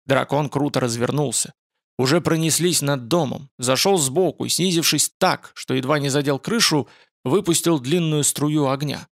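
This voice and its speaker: A man narrating a fantasy novel as an audiobook in steady storytelling. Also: on the high side, normal speed, creaky, dry recording, clean studio sound.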